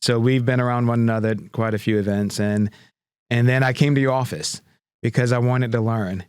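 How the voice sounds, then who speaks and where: A male podcast host with a smooth, resonant voice reflects back on his guest's words and asks open questions. He sounds affirming. The recording is dry and right on the mic. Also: medium pitch, steady tone, a little fast, no room sound. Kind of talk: interview conversation.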